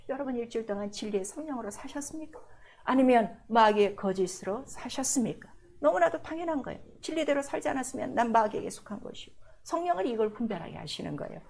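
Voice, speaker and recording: A woman pastor preaching a sermon, firing questions at the congregation and swinging between loud, emphatic declarations and hushed, prayerful passages. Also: sits high, gravelly. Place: church service.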